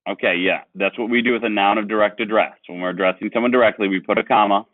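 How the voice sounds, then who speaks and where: A man's voice: lowish voice, steady tone, quick pace, no room sound. A male teacher leading an online grammar lesson, explaining patiently and asking the class questions. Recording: dry, phone-like sound.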